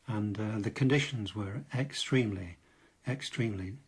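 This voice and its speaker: An older man, a retired fire officer, gives a steady, matter-of-fact account in an interview. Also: lowish voice, moderate pace, husky. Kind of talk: interview recollection.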